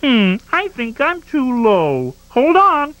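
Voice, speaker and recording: A woman's voice: high-pitched, wildly swooping pitch, slow, a bit bright, dry recording, dull audio, full character voice. A woman voicing a cheerful, giggly cartoon face who jokes and plays with young children. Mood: giggly playful. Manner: giggly, playful, talks to kids. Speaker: kids' channel mascot. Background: music.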